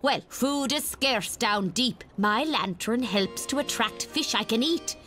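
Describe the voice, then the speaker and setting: A woman with a British accent voicing a cheeky, sporty female deep-sea fish in an educational cartoon, playful and colloquial. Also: animated, unhurried, fairly bright tone, soft background music. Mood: chatty.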